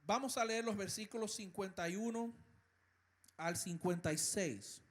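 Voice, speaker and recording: A male pastor with a Dominican accent preaching a sermon, slow and emphatic, with dramatic pauses and hushed, gentle passages. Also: high voice. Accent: Dominican Spanish.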